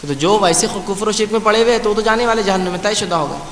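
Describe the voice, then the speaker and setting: A man preaching a sermon, slowly reciting scripture and then explaining it with repeated phrases. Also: high-pitched, a bit bright. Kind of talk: Urdu sermon with Quranic recitation. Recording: echoey hall with faint hiss.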